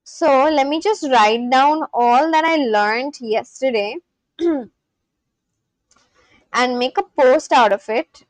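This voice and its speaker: A young Indian woman with an Indian English accent hosts a live stream, chatting casually and rambling with lots of fillers and restarts. Her voice sits high and she speaks slowly with long pauses. There's no echo, but the audio is poor.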